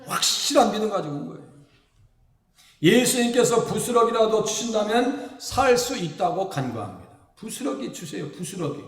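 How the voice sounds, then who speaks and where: High-voiced pastor preaching in an echoing church. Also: male voice. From South Korea. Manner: folksy, animated preaching with rhetorical questions to the congregation; acts out quoted speakers in lively voices. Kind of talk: sermon. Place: church sanctuary. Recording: echoey hall with long reverb.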